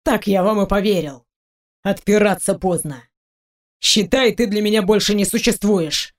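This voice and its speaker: A betrayed husband, jealous and furious, his voice dropped low and heavy, as a woman narrator puts him on. He drags out each sneering threat slowly, full of menace. This is a storybook villain of the moment, bitter to the bone. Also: lightly acted.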